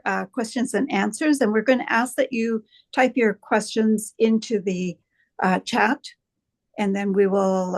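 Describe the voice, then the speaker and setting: A woman's voice: medium pitch, creaky, a little mellow, no room sound. A woman hosting a webinar over a video call, introducing the guest and explaining questions, with a hesitant delivery full of fillers. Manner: hesitant, many fillers and restarts. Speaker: webinar host. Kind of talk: moderating a webinar.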